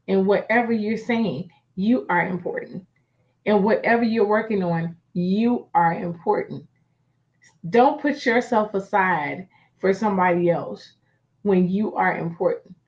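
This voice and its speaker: A woman gives a motivational talk in a conversational, emphatic way, repeating her key lines. Her voice sits at an ordinary middle pitch. The recording sounds a little dull and lo-fi. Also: darkish tone. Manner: emphatic and repetitive, conversational, addresses listeners as y'all. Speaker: host, motivational speaker.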